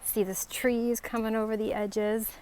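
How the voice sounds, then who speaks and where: This tree identification vlogger has a fairly high, darkish voice and a flat delivery. Out for a walk on a residential street, she chats to camera in short, halting phrases, and faint outdoor sounds can be heard.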